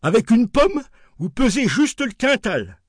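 A man's voice: very high voice, very animated, measured pace, breathy edge, no echo, clean studio sound, pitched above the performer's own voice, full character voice. A man doing a teasing market fruit buyer. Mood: triumphant. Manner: bantering, playful. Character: jovial male wholesale fruit buyer, teasing.

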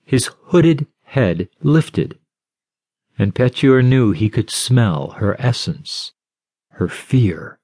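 Slow, measured male audiobook narrator. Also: mid-range voice, sing-song, a little mellow, husky, dry recording, studio quality. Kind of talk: scripted narration.

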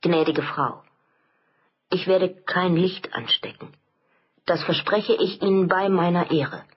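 A woman doing a brisk young lieutenant. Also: slightly rough, lo-fi sound. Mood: reassuring. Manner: brisk, reassuring, lowered pitch. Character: earnest young male army lieutenant.

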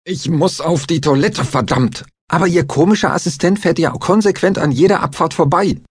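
A man's voice: on the low side, moderate pace, husky, dry recording, clean studio sound, pitched above the performer's own voice. A man voicing a coarse, overweight male lawyer who whines and curses indignantly, in an audiobook thriller. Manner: whiny, indignant, cursing.

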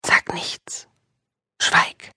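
A woman voicing a mysterious female inner voice in an unvoiced, breathy whispered role-play, urging caution. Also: very slow, pushed and bright, dry recording, studio quality, heavily acted. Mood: warning. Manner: urgent, insistent warnings.

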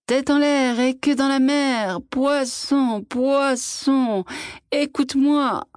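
Brief: woman playing a timid old fisherman, lifted pitch, humble and pleading. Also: expressive, normal speed, darkish tone, no room sound, clean studio sound, lightly acted. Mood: calling. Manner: meek and pleading.

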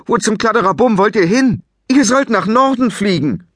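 A man's voice: fairly high pitch, expressive, brisk, dry recording, studio quality, voice pushed up. A man voicing an earnest young giant boy in a children's audiobook, calling out eagerly and urgently.

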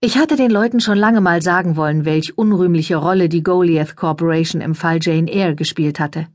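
A woman reading an audiobook in calm, measured first-person narration. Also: lowish voice, no echo, clean studio sound.

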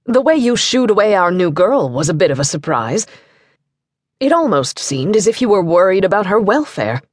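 A woman voicing a wealthy gentleman who speaks in a silky, sly, taunting way. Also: medium pitch, very animated, moderate pace, dry recording, studio quality. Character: silky, malicious wealthy gentleman, master of house.

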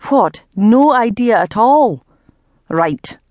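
Gruff barking aristocrat husband, short-tempered, a bit lower in pitch, read by a woman. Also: normal speed, a little mellow, no room sound, lightly acted. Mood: irritated. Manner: barking, impatient. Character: irritable gruff nobleman husband, bellowing.

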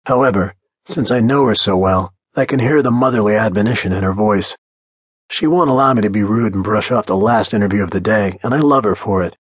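Husky low-voiced male audiobook narrator. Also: brisk, no echo. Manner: blunt, confident first-person storytelling. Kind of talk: first-person audiobook narration.

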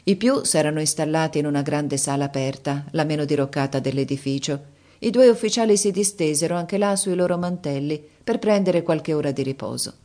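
Low-voiced woman reading a classic novel. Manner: measured, even storytelling delivery. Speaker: audiobook narrator. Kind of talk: scripted literary narration.

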